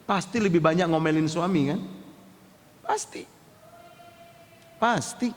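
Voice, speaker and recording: A man preaching a sermon, telling humorous stories and acting out household dialogue in a lively way. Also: high voice, a little hiss or hum. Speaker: Islamic preacher. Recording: long hall reverb.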